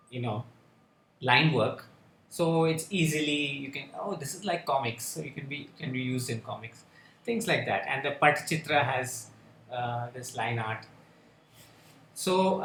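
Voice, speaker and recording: A man speaking on a panel discussion, halting and full of fillers and restarts. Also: a little high, a bit bright, a little hiss or hum. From India. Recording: echoey room with faint ambience.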